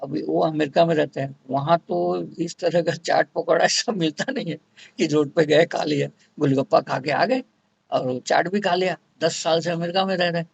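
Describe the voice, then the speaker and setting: A man with a gravelly, creaky voice gives a homeopathy lesson, explaining one idea through a run of near-synonyms. The sound is dull and lo-fi, with no room echo, as if recorded close in a small, dead space. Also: moderate pace. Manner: repeats points with strings of synonyms; acts out patients' complaints in a lower voice. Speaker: homeopathy teacher. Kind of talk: explanatory lecture.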